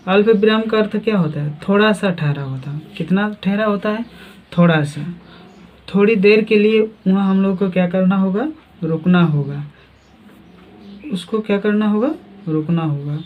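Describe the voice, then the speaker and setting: A teacher giving a grammar lesson, asking questions and then answering them. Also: mid-range voice. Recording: tinny phone-like sound.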